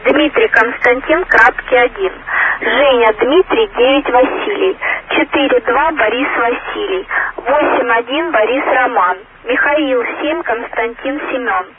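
A woman radio operator spelling out a coded message in slow, measured dictation over a walkie-talkie channel. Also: fairly high pitch. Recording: tinny radio transmission with loud static.

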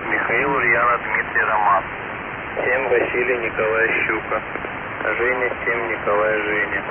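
A low-voiced man reads out a coded message over a helmet radio, speaking in a flat, measured way. The sound is thin and tinny, as over a radio link, and heavy hiss lies over it. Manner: flat, measured spelling with the phonetic alphabet. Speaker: radio operator.

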